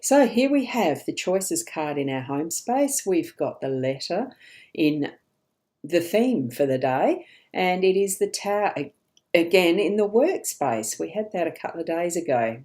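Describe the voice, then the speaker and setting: A woman's voice: lowish voice, big pitch swings, measured pace, mellow. A woman psychic hosting a live card reading, chatty and rambling, laughing often between remarks. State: hiccups.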